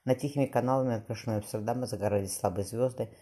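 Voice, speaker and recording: A man narrating an audiobook quickly, with occasional restarts. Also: medium pitch, mellow. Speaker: audiobook reader.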